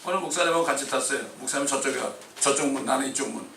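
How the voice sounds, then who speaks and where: A male pastor preaching a sermon in a fervent style, breaking into sudden shouts. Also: medium pitch, racing, a little hiss or hum. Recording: echoey church hall, distant mic.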